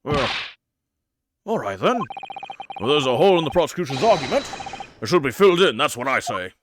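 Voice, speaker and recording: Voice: medium pitch, very animated, a little fast, noisy background, lightly acted. A game player voicing a plain-spoken, working-class Victorian road labourer who talks in a chatty, folksy way. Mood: earnest, chatty. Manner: colloquial, folksy, tags like "see?" and "like". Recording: game music behind the voice.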